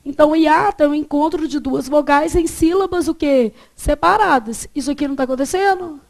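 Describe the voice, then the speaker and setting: High-voiced Brazilian woman teaching a class. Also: fairly quick, vocal fry. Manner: quizzing students with repeated check questions. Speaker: Portuguese teacher. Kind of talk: classroom grammar lesson.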